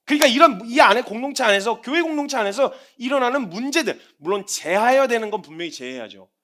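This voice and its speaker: Brief: male missionary preacher, sermon delivery, fast, high-pitched, acts out scenes. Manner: animated, acts out everyday scenes.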